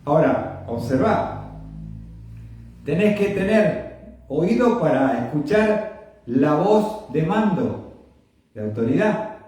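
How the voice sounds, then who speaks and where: A man preaching a sermon slowly and emphatically, repeating his phrases and often clearing his throat. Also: on the high side, mellow. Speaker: pastor. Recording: echoey room from far off.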